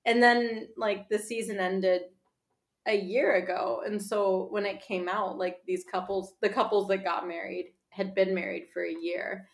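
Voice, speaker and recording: A woman chatting casually with friends, telling stories with lively mimicry of the people she describes. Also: medium pitch, a little slow, vocal fry. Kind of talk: casual chat.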